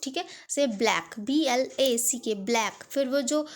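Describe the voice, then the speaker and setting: A woman's voice: high voice, a little slow. A woman teaching English pronunciation, explaining patiently and drawing out each example word. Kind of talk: pronunciation lesson.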